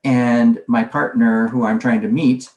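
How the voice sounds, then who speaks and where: This is a recorded conference lecture on language teaching, given by a man whose mid-range voice is a little slow and a little mellow, with fairly even intonation. He talks conversationally and frequently asks himself questions out loud, all captured with a roomy echo.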